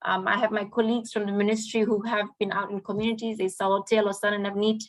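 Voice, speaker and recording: Woman, panel moderator, polite, measured, semi-formal, fairly flat intonation. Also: mid-range voice. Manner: polite, measured, summarizing speaker points. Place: online video call.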